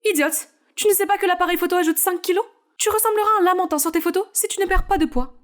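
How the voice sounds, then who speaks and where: Woman narrator puts on a bossy storybook mother: curt and cold, pitched high. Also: fast talker. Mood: scornful. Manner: curt and commanding.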